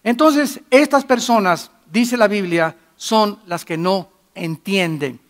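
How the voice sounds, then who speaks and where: Preaching slowly to a church congregation, a middle-aged pastor swings from loud proclamations to quiet asides. His emphatic sermon is carried by a voice that sits unusually high for a man.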